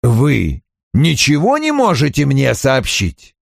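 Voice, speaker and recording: A man voicing a stern, commanding male detective who speaks in a dry, measured way. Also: mid-range voice, wildly swooping pitch, gravelly, dry recording, voice pushed up, full character voice. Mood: imperious.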